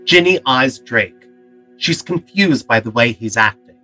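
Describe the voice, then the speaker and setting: A man's voice: medium pitch, expressive, a little slow, pushed and bright. A man delivering scripted dramatic narration for an audio drama, with music behind him. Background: background music.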